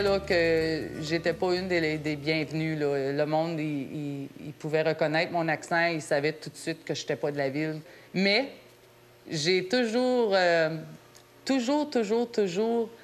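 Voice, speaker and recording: A woman's voice: deep voice, slight background noise. A woman from Northern Ontario, speaking in a forthright, determined way in a documentary interview. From Hearst, Northern Ontario. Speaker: interviewee, community member.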